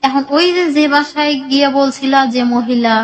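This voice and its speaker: On a low-quality recording, a woman with a high-pitched voice and steady tone talks at a normal speed about her personal history. Her account is rambling and emotional, with many restarts and quotes she acts out.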